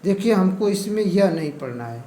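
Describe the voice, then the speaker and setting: A man's voice: high-pitched, expressive, normal speed, dark tone, echoey room, rough recording. A male teacher with an eastern Uttar Pradesh Hindi accent who goes over a syllabus topic by topic and keeps saying "ठीक है". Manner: repeats "ठीक है", lists topics one by one. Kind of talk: lesson going over a syllabus.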